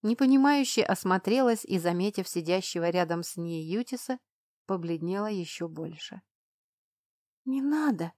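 A woman narrating a first-person fantasy audiobook with brisk, expressive storytelling. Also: lowish voice, no echo, clean studio sound.

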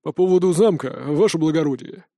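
A man's voice: fairly high pitch, a little fast, warm tone, no room sound, lightly acted. A man voicing a dutiful male soldier giving a formal report to his lord in an audiobook. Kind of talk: audiobook character voice.

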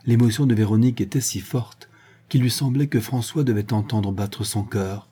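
A man narrating a classic novel aloud in a measured, even reading. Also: lowish voice, slightly rough. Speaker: audiobook narrator.

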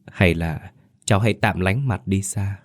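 A man's voice: low voice, moderate pace, no echo, clean studio sound, natural voice. A man voicing an elderly grieving father who speaks in a weary, sighing, pleading way. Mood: sorrowful.

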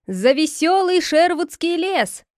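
Woman doing a merry outlaw chief, commanding, exclaims a lot, bit higher. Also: lively intonation, a little slow, no room sound, clean studio sound. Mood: rousing. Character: merry male outlaw leader, rousing.

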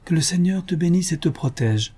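A man voicing a gentle, solemn, dying mother in an audiobook, speaking in a raised pitch. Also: expressive, fairly quick, slightly rough. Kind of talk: audiobook character reading.

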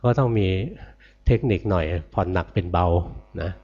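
Older Thai monk giving a gentle sermon. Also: male voice, low-pitched, normal speed, highs cut off. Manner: gentle, repetitive, ends phrases with soft particles; asks the audience questions and answers them. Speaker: Buddhist monk teacher. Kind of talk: dharma sermon.

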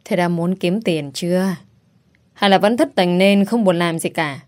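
A brash, foul-mouthed young woman who bosses her friend around and still cares about her, as a female reader acts her out. She talks loudly and bluntly, teasing as she goes, in an audio storybook. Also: on the low side, a little slow, close to an everyday voice. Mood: bossy.

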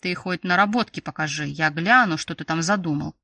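A woman's voice: low voice, brisk, vocal fry, pushed and bright, no room sound, far from the mic, heavily acted. A woman voicing an irritable, hot-tempered male employee who grumbles and snaps, in an audiobook. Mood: wary. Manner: grumbling, snappy.

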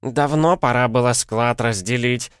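A man's voice: mid-range voice, a little slow, clear, resonant tone, no echo, clean studio sound, voice pushed up, close to an everyday voice. A man voicing a blunt, somewhat younger old woman who speaks brusquely and dismissively. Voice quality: not quavering.

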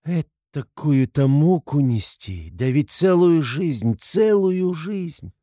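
A man's voice: fairly high pitch, sing-song, slow pace, warm tone, no room sound, pitched above the performer's own voice, full character voice. A man doing an anguished young woman, pleading, exclaiming, raised voice, dry close sound, audiobook. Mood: despairing.

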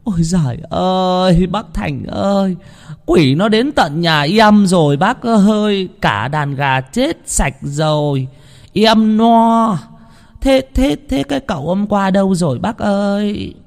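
A man's voice: sits high, animated, slow pace, long reverb tail, voice pushed up, exaggerated voice. A man wailing as a distraught village mother. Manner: wailing, sobbing speech.

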